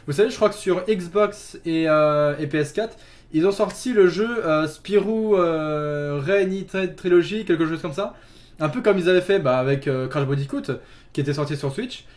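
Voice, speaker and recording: A man's voice: a little high, normal speed, darkish tone. A man hosting a gaming video, chatting casually with many fillers and restarts and laughing at himself. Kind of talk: casual chat.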